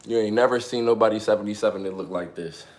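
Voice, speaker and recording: A young man in his twenties talks to his live chat in a low-pitched voice. He keeps it upbeat and full of slang, hyping himself up between workout sets at home. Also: quick pace, darkish tone. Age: 20s. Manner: upbeat, hyped, slangy and motivational. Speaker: livestreamer. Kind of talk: casual live-stream chat.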